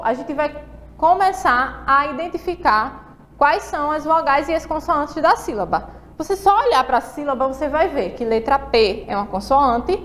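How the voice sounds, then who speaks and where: High-voiced Brazilian teacher, slow and patient. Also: female voice, a bit bright. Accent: Brazilian Portuguese. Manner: slow, spelled-out letter-by-letter explanations with frequent check-ins. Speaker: primary school teacher. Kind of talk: televised lesson for children.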